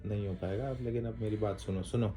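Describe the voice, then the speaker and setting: A man vlogging at home, talking to viewers and gently soothing his crying wife. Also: lowish voice, fairly even intonation, fast talker, faint music behind. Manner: soothing, pleading softly. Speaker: vlogger, father. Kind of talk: casual family vlog. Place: home, indoors.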